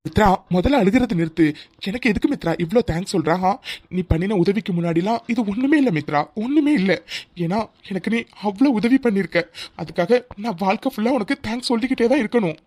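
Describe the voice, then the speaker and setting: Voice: mid-range voice, animated, fast, a little mellow, dry recording, soft background music, close to an everyday voice. A performer voicing a supportive young man in a cartoon, reassuring and soothing. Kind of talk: cartoon voice acting.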